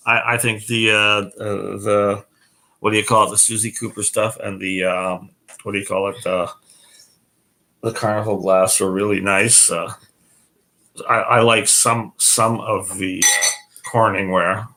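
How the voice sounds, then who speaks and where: Middle-aged male co-host, gravelly, sharp tone, halting jokey delivery. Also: fairly low pitch, little pitch movement. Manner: joking, halting. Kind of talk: casual chat.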